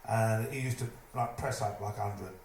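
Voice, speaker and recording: A man telling a lively stage anecdote, putting on other people's voices as he goes. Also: fairly low pitch, moderate pace. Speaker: storyteller at a live evening event. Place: live event venue, indoors. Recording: echoey room, distant mic, noisy.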